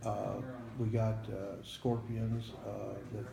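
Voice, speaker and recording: An older American man, a veteran in an interview, remembering his army days in a halting, plain-spoken way. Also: fairly low pitch, flat delivery, creaky, a crowd in the background. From United States. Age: 70s or older. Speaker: Vietnam-era army veteran being interviewed. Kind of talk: veteran interview, recalling memories. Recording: echoey room, faint background noise.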